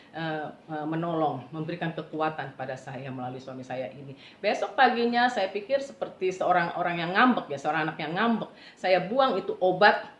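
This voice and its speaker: A middle-aged woman giving a personal faith testimony in an earnest, halting way, often turning to address her listeners directly. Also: lowish voice, a bit bright. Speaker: testimony speaker. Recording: roomy, dull lo-fi recording.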